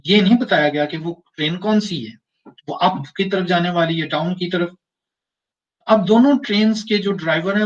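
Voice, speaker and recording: A man giving a recorded university lecture, explaining slowly and repeating phrases to make his point. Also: on the high side, far from the mic, highs cut off.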